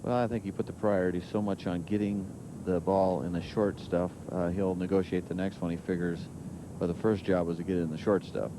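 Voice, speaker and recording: A man with a low voice offers casual analysis as a golf commentator during live play. Clear outdoor noise sits behind him in the broadcast sound. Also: little pitch movement, fairly quick.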